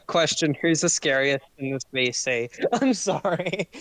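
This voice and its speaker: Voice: medium pitch, animated, slow pace, a bit bright, no room sound, poor audio. A guest with an Australian accent, chatting with friends over voice chat. They talk casually, giggle often, and apologise a lot. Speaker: guest on the stream.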